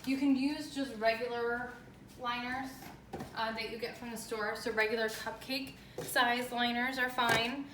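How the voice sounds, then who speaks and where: Chatty lady doing a casual baking video, kinda high voice, echoey room, talks informal and emphatic. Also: fairly even intonation, a little slow. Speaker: home baking show host. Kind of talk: casual cooking demonstration. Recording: roomy echo, distant mic, noisy background.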